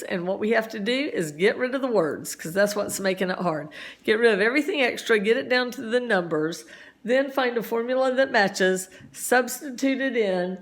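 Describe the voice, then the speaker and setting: A middle-aged woman teaching physics at a steady middle pitch, walking through each problem step by step. She talks in a chatty way and makes little asides. Now and then she coughs a bit. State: slight cough. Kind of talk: homeschool physics lesson.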